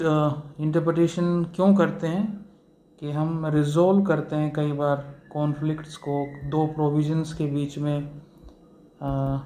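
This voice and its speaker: Male law teacher talking slow, kinda high but mellow voice, lots of "right?" and "aa". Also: slight background noise. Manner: asks the class rhetorical questions. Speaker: law lecturer. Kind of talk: classroom lecture.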